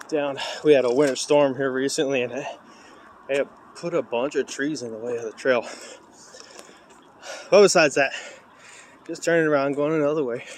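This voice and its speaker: With a mid-range voice, a parkour coach and vlogger chats casually to camera while lugging a heavy sandbag along an outdoor trail, rambling and saying "uh" often. The cheap phone he holds as he walks picks up a little hiss or hum.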